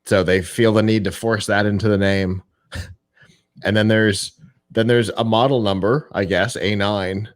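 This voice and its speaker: Casting: very deep male co-host, dry-humored explainer, relaxed chat. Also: unhurried. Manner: wry, explanatory, chuckles at his own jokes. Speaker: podcast co-host. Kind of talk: casual tech chat.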